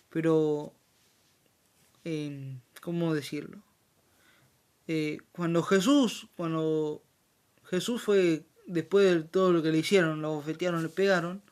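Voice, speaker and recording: A speaker explains and reads Bible passages in an informal study. They hesitate often, correct themselves and add amen, recorded on a handheld phone. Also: medium pitch. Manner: hesitant, full of fillers and self-corrections, says amen often.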